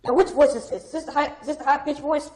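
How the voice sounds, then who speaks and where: A male streamer, voice run through a high-pitched morphing changer, casual rambling chat. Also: fairly even intonation, quick pace, a little mellow, reverberant. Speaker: live streamer.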